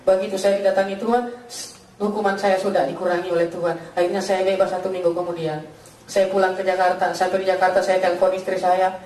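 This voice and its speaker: A man's voice: high voice, flat delivery, fast talker, a little mellow. A man giving an emotional spoken testimony in a church, often calling his listeners brothers. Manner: keeps addressing listeners as brothers. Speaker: testimony speaker. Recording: echoey hall, distant mic.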